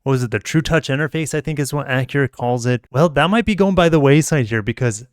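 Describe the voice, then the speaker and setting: Smooth-voiced male car vlogger. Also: mid-range voice, fast talker, no room sound, studio quality. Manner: chatty, thinking aloud and addressing viewers. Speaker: car reviewer. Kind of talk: casual vlog commentary.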